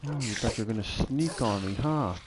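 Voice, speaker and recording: A man's voice: mid-range voice, brisk, very noisy. A man hosting a casual game session with his child, talking in a dry, teasing way. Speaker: let's-play host playing with his child. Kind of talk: casual gaming commentary. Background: loud game music.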